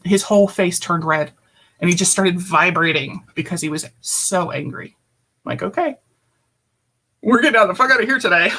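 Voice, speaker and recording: A woman's voice: lowish voice, a bit bright. A woman guest telling a personal story in conversation, blunt and emphatic, swearing freely, over a video call.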